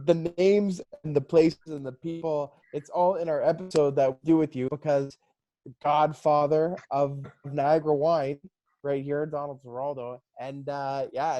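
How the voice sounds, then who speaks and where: A man's voice: fairly high pitch, dark tone, no room sound. A young man hosting, chatting casually and cheerfully, laughing often. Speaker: host. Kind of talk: casual video call chat.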